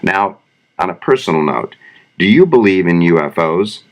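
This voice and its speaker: Deep-voiced male podcast host. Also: animated, normal speed, muffled recording. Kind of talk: mock interview. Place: studio.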